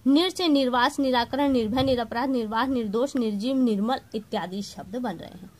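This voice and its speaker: A woman's voice: fairly high pitch, brisk, darkish tone. A woman teacher giving an exam-prep grammar lesson, explaining patiently and reading word lists aloud to her viewers.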